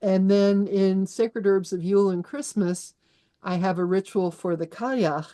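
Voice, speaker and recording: Speaking with a warm, mid-range voice at a measured pace and fairly even intonation, this woman was born in Austria and appears as an author guest in a conversational interview. Her manner is chatty and loose, full of restarts, with little laughs slipping in while she explains things.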